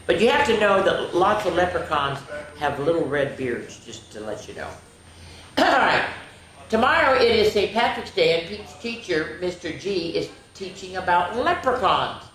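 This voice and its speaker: This story-time host has a fairly low, somewhat bright voice that swings widely in pitch as she reads picture books to children at a moderate pace. She reads with expressive playfulness and tosses in chatty remarks to the little ones. Faint noise sits under heavy room echo.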